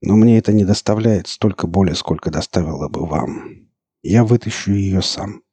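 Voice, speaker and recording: A man voicing a calm, wise male senator who speaks in a soft, soothing way. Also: sits low, normal speed, husky, no echo.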